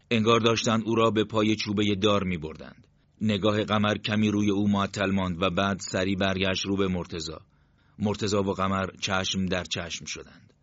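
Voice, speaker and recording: A man with a fairly low voice reads a story in a steady, measured narration. The recording is dull and lo-fi, with a dry, close sound. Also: no echo. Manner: steady, measured literary reading. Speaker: audiobook narrator. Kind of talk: scripted narration.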